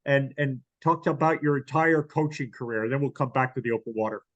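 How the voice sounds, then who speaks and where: A man hosting an interview as chairperson of a hall of fame, asking questions in a measured, hesitant way. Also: medium pitch, muffled recording. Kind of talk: interview over video call.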